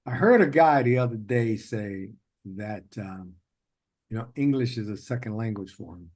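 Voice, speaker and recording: This podcast host has a lowish, somewhat mellow voice that's animated and moves at normal speed. He keeps his interview casual, rambling through long anecdotes and laughing a lot along the way.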